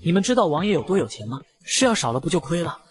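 A man's voice: on the high side, very animated, rapid-fire. A man voicing a cunning, composed young girl in a comic recap, speaking in a sly manner.

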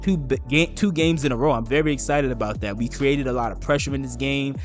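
A man's voice: medium pitch, fast, soft background music. A man hosting a fan channel, giving casual postgame commentary in a chatty way with fillers and restarts.

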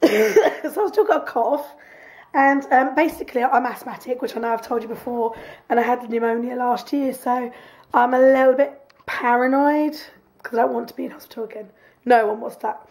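A woman with a hoarse, croaky voice from a cough, chatting casually in a rambling home video diary and laughing often. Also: on the high side, steady tone, brisk, darkish tone. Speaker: vlogger. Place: home, sofa in front room.

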